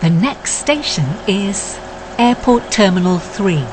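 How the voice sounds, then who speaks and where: A woman's calm, measured voice giving an automated train announcement. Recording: steady train rumble noise.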